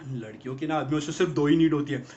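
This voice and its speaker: A man playing a fast-ranting fed-up young guy. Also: a little high, mellow, natural voice. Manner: rapid-fire exasperated rant, mocking. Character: exasperated young man ranting about girlfriends. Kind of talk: film comedy monologue. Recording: dull lo-fi film audio.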